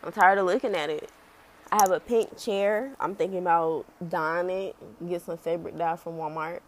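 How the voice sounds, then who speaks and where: A woman's voice: lowish voice, steady tone, normal speed, slight background noise. A woman of twenty-one talking casually and candidly on her own podcast, rambling and slangy. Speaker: podcast host. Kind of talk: casual solo podcast talk.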